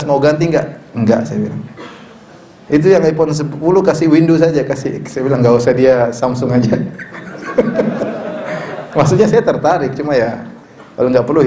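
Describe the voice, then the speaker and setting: A man's voice: medium pitch, mellow, slight background noise. A middle-aged man preaching a sermon, conversational and joking, who swings into emphatic exhortation. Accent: Indonesian. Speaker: Islamic preacher. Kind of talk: sermon with humorous asides.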